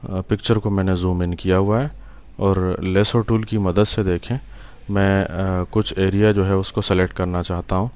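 A young Pakistani man with an Urdu accent gives a patient, step-by-step screen-recorded software lesson at his computer, often checking in with the viewer. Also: sits low, level tone, clean tone. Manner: patient, step-by-step, many fillers and "ٹھیک ہے" checks. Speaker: software instructor.

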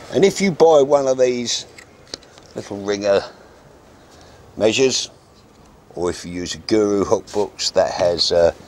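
In a garden by a wooden fence, a frank, practical fishing instructor in his sixties gives a casual step-by-step how-to in short instructions. His voice sits low and is a little mellow, with slight hiss or hum on the recording.

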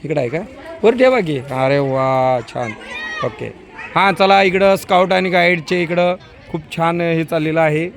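A male school teacher touring an outdoor school market, briskly coaxing children with quick prompts. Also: on the high side, creaky. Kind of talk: walking tour of a school market stall by stall. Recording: noisy crowd of children outdoors.

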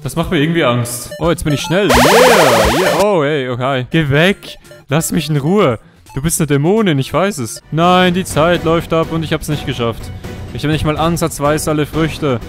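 A man giving comedic let's-play commentary, joking and often squealing up in pitch. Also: moderate pace, over music. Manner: jokey, exaggerated, often squeals and jumps up in pitch. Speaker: gaming YouTuber.

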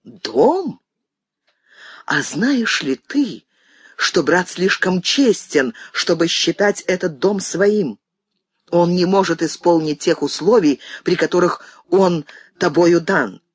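A woman reader lowers her voice for a weary, anguished grown son in an audiobook, pleading and bitterly accusing. The voice is husky with lively pitch. It sounds close and dry. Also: slow pace, no echo, heavily acted. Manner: pleading, restrained, then bitter.

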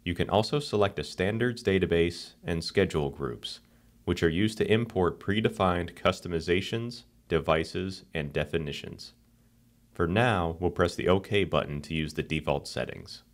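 At a moderate pace, a man with a very deep voice reads a scripted walkthrough for a software screencast. The tone stays calm and even as he explains each step patiently.

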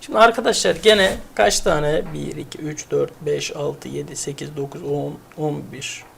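Woman tutor, fry-tinged voice, loose and repetitive, talking straight to students. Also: low-pitched, fairly even intonation, moderate pace, a little hiss or hum. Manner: chatty, repeats words, builds memory tricks. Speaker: English vocabulary teacher. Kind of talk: casual spoken lesson.

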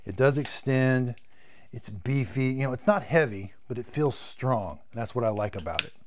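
A mid-range, expressive male voice at a moderate pace, with slight background noise. The speaker, in his fifties, reviews cleaning products on a live stream from a home studio stacked with vacuums, chatty and keen, repeating words and going hoarse.

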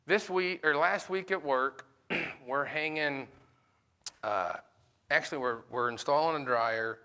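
A man's voice: a little high, measured pace, pushed and bright, clean tone. A man, a pastor, teaching a Sunday school class in a conversational way and often putting questions to the class. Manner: conversational, with fillers.

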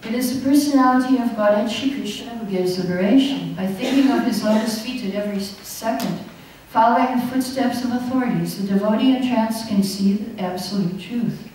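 A slightly high, somewhat mellow female voice moves briskly with few pauses. The speaker, an older woman, teaches scripture in a chatty, story-driven way and often laughs. She is at a stand-mounted podium mic in an indoor hall full of echo, recorded from a distance, with slight background noise.

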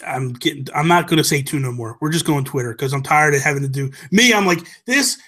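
This podcast host, a man in his thirties, talks games and films in an animated, casual way, pressing his opinions hard. His voice is bright, forceful, expressive and fast, pitched on the high side. He's indoors in a small home room, close to a desk mic and wearing headphones.

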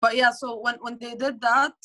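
A young Egyptian woman in her 20s, a professional squash player, gives casual interview answers as a guest over a video call from a bright room at home, using her phone or laptop camera. Her voice is bright, forceful and a little high, with flat delivery at normal speed. She chats casually, often stopping and restarting, and uses plenty of fillers.

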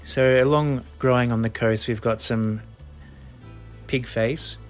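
A man, a cafe chef chatting casually outdoors about foraging, relaxed and full of ums. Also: medium pitch, slow pace, faint music behind. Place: outdoors on the coast and in pine woods.

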